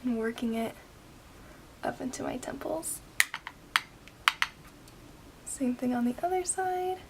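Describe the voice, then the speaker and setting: A woman's voice: sits high, lively intonation, takes it slowly, very noisy. A young woman talking through a makeup tutorial in a chatty, rambling way, full of ums and likes. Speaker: beauty vlogger.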